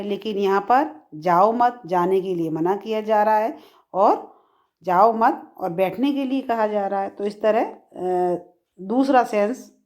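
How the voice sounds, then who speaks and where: Slow, deliberate woman teaching Hindi. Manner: slow, deliberate explaining, repeats key phrases; recites verse examples higher and louder. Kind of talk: grammar lesson.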